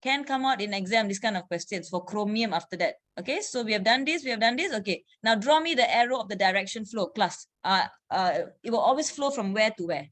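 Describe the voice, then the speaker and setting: A woman chemistry teacher running an online revision class, quizzing students briskly and saying "okay" often. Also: mid-range voice, expressive, fairly bright tone.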